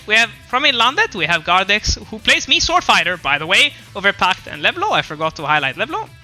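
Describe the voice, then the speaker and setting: A man's voice: high-pitched, very animated, fairly quick, pushed and bright, faint music behind. A man casually presenting a recap slideshow, reading out results with chatty, self-deprecating asides and laughs at his own jokes. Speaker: presenter of a regional esports recap.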